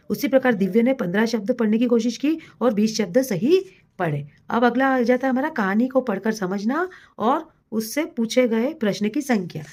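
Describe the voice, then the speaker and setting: A woman's voice: fairly high pitch, a little mellow. Patient woman teacher explaining assessment. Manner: patient, addresses listeners as colleagues, reads words slowly for dictation. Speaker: primary school teacher. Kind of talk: explanatory lesson to fellow teachers.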